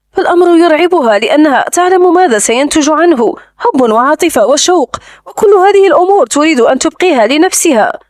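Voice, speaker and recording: A woman narrating a romance novel audiobook in a smooth, even storytelling manner, close to the mic. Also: sits high, dry recording.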